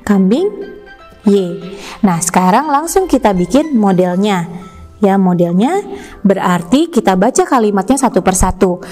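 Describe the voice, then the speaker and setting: A woman's voice: mid-range voice, lively intonation, unhurried, long pauses, mellow, faint music behind. A woman math teacher from Indonesia with a Jakarta accent, explaining graphs step by step in a recorded lesson, with frequent tag questions to her students.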